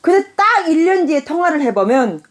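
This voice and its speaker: A woman's voice: high voice, big pitch swings, fairly quick, darkish tone. A young woman chatting casually with her mother, teasing her and prompting her with questions. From North Korea. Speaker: daughter co-hosting a talk channel. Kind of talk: casual chat.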